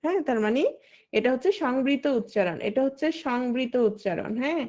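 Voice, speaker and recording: Her voice high and bright, this teacher, probably in her thirties, runs an online exam-prep class at a slightly fast pace. She walks through rules one step at a time, asks and answers her own questions, and addresses individual students by name.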